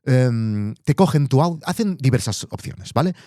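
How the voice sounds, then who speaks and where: A man's voice: mid-range voice, lively intonation, measured pace, mellow, dry recording, studio quality. A man hosting a podcast, chatting casually, swearing freely and thinking aloud. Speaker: podcast host. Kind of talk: casual monologue.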